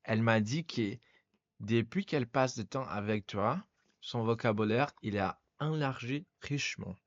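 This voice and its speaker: A man with a mid-range voice hosts a podcast in French, which isn't his first language, chatting casually at a measured pace and often pausing to find words. The recording is lo-fi with no echo.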